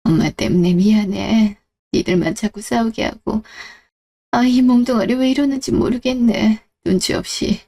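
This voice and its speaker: Frail old mom in an audio drama, soft and sorry all the time, voiced by a woman. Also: on the high side, fairly even intonation, normal speed. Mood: apologetic. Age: older. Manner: meek, apologetic. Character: frail elderly mother, sick and apologetic.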